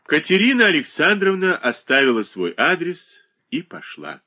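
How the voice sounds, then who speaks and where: A man narrating an audiobook in an expressive, animated reading style. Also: on the high side, normal speed.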